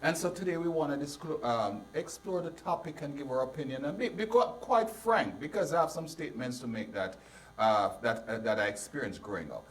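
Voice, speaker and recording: A man's voice: medium pitch, expressive, fairly quick, far from the mic. A man hosting a casual panel, rambling with many restarts. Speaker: host.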